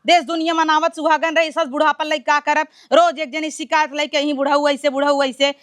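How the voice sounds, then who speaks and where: A sharp-tongued Awadhi village mother-in-law, played by a woman, cursing and scolding in a rural comedy sketch. Her voice sits very high. It is recorded dry and close. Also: flat delivery, normal speed, no echo.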